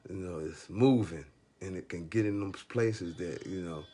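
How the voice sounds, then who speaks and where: A man giving casual, rambling spiritual encouragement to one listener. He uses plain everyday wording, stops and restarts often, fills pauses with "you know", and chuckles as he talks. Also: low voice, warm tone. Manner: rambling and halting, with constant "you know" fillers; chuckles through his stories. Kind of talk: casual faith talk addressed to one listener.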